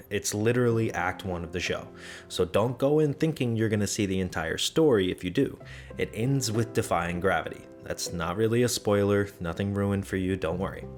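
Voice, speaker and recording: A young man hosting his own channel, chatting casually and gushing with enthusiasm. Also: on the low side. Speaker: channel host. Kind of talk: casual movie review vlog.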